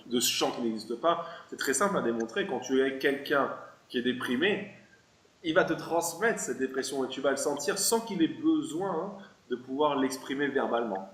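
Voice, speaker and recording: A man hosts a casual podcast interview at a mid-range pitch, nudging his guest along and supplying the words she is searching for. The room gives his voice a noticeable echo. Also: lively intonation, normal speed, fairly bright tone. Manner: prompting, finishes the guest's words. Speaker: podcast host.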